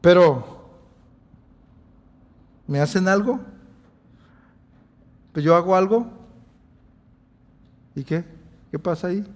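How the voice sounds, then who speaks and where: A man's voice: high voice, animated, takes it slowly, pauses often, long reverb tail. A man preaching a sermon, asking his listeners questions and then answering them himself. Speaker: pastor.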